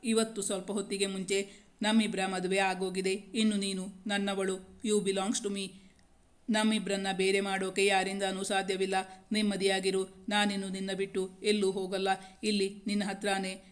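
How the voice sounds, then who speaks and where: A man's voice: sits high, completely flat delivery, moderate pace, natural voice. Woman voicing a tender young husband.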